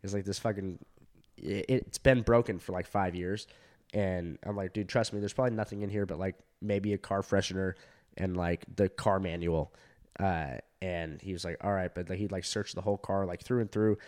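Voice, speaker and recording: Male stand-up comic, lowish voice, loose rambling anecdote with lots of swearing and quoted voices. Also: normal speed. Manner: rambling, filler-heavy and profane, with animated quoted voices. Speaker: stand-up comedian. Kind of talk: casual storytelling chat.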